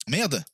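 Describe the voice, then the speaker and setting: A man streaming live and playing a quiz game with his viewers, excitable and quick to exclaim and swear when he is stuck. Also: sits low, husky, no room sound.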